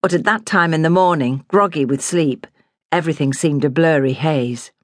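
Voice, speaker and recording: A woman's voice: deep voice, no echo. Woman reading a memoir, dry sound. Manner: measured, plain storytelling. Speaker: memoir narrator. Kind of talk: audiobook memoir narration.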